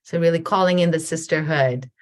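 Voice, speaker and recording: A woman hosting a casual conversation over a video call, talking in a reflective, halting way with many restarts. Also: sits low. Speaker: podcast host.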